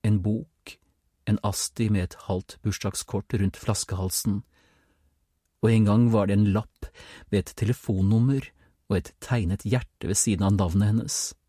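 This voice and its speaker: Low husky male audiobook narrator. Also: steady tone, warm tone, dry recording, clean studio sound. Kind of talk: scripted narration.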